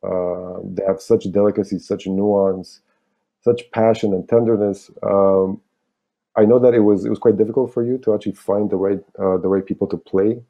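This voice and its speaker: A man's voice: on the low side, fairly even intonation, moderate pace, gravelly, warm tone. A man interviewing a film director, asking long questions with hesitant restarts. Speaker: festival programmer interviewer. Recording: dull lo-fi sound.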